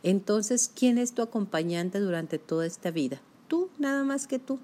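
A woman's voice: mid-range voice, animated, moderate pace, warm tone. Woman giving a direct pep talk. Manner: direct, coaching, addresses the listener as tú. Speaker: motivational speaker. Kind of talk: motivational self-help talk.

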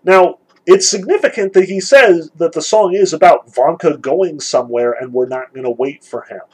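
A man's voice: fairly high pitch, normal speed, breathy edge, poor audio. A man giving an informal literature lecture, talking loosely with many "like"s and "sort of"s and reading passages aloud from a novel. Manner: loose and conversational, full of "like" and "sort of".

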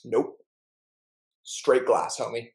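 A man's voice: mid-range voice, little pitch movement, slow pace, creaky, low-quality recording. A young man co-hosting a casual chat, telling stories in a chatty, jokey way and playfully mangling words. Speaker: podcast co-host.

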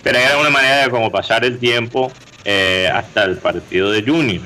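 A man's voice: medium pitch, a little fast, rough recording. A man telling a story in casual podcast chat, acting out the voices of the people in it. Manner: animated storyteller, acts out voices. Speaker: podcast co-host.

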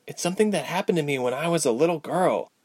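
A man's voice: on the high side, expressive, fast talker, darkish tone, husky, dry recording, pitched above the performer's own voice. A man voicing a distressed young woman haunted by visions, anxious and pleading, turning angry. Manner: anxious, pleading, rising to anger. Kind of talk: audiobook character voice.

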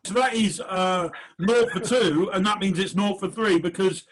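Over a video call, a man hosts an online comedy quiz panel show, joking and hesitating with lots of fillers. His voice is high-pitched at normal speed, and the recording is rough.

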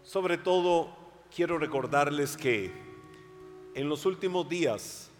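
Slow, emphatic Costa Rican pastor preaching. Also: male voice, long reverb tail. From Costa Rica. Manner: slow, emphatic preaching that swells loud and high. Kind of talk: sermon. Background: soft instrumental music.

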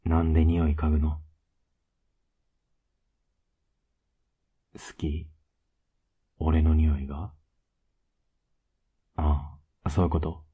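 A man playing a teasing, affectionate young boyfriend in a soft ASMR role-play, with a low, husky voice. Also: level tone, unhurried, narrow, tinny audio, full character voice. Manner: laid-back, gently teasing, intimate.

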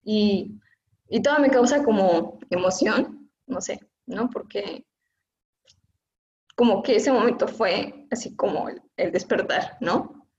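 This is a woman with a Mexican accent speaking at a middle pitch. She recounts her own story in an earnest, emotional way, leaning on fillers as she goes. The recording sounds roomy and a little dull. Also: slow, darkish tone. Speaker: interview guest. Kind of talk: personal testimony in a conversation. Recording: echoey, dull lo-fi room sound.

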